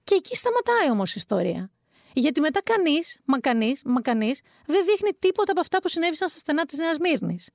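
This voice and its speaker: A woman delivers political commentary in a vlog, her voice pitched a little high and recorded close and dry. She is sarcastic and emphatic, and she hammers her points by repeating them. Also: big pitch swings, vocal fry, no room sound.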